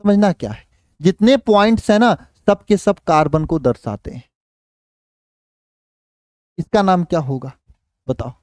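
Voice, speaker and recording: A somewhat high-voiced man teaches a chemistry class in Hindi. He counts slowly, quizzes his students and repeats answers back to them. His voice climbs when he stresses a rule, and the close mic keeps the sound dry. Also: a little mellow, no echo. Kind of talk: live online class teaching.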